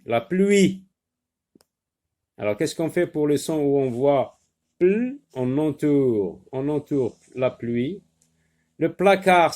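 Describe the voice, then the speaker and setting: A man's voice: medium pitch, mellow. A man with a Maghrebi French accent, teaching a reading lesson and patiently sounding out syllables.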